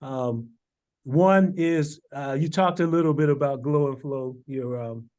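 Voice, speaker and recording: A man with a fairly high voice hosts a relaxed chat. He asks easygoing questions and nods along out loud. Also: unhurried. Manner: easygoing, gives frequent short agreements. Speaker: interview host. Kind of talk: casual interview chat.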